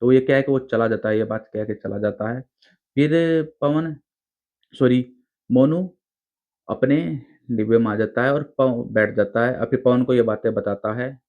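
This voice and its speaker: A man's voice: medium pitch, normal speed. A man casually narrating a horror story in an informal, chatty way. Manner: informal, chatty retelling in plain speech. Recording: tinny phone-like recording.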